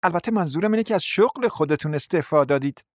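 A man voicing a bold, sharp-tongued lady with a sarcastic, needling manner. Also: on the high side, animated, no room sound, clean studio sound, voice pushed up.

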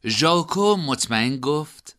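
Lively male audiobook narrator. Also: on the high side. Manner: expressive storytelling.

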